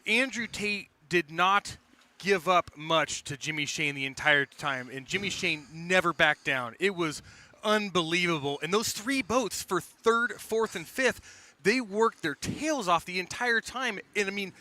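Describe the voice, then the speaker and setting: A man giving enthusiastic color commentary on a live race, animated and breathless with excitement. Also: high-pitched, a little slow.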